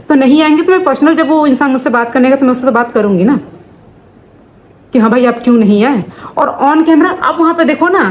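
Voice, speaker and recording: A woman's voice: fairly high pitch, a little hiss or hum. A woman in her thirties, a family vlogger, explaining at length to camera in a casual, aggrieved way with many asides. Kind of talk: casual talking-to-camera vlog.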